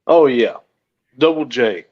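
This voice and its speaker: A man's voice: medium pitch, expressive, slow, highs cut off. A man, a wrestler guest, answering questions in a matter-of-fact, confident way. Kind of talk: interview answers.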